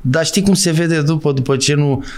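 Man, middle-aged, former footballer, casual storytelling, emphatic, animated. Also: fairly high pitch. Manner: animated, emphatic, calls the listener "bă" and "frate".

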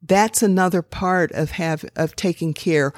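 A woman speaks slowly and earnestly, offering gentle self-care advice as a podcast host. Her voice sits a little low, and the sound is close and dry with no room around it. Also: steady tone, no echo. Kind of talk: unhurried faith-based self-care talk.

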